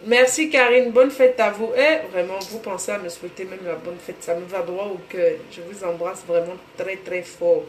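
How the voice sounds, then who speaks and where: Broadcasting live from her home kitchen, a woman with a Cameroonian French accent cooks, chats casually, and greets viewers by name. Her low, steady voice moves at a moderate pace with few pauses, and the space sounds echoey with faint room noise.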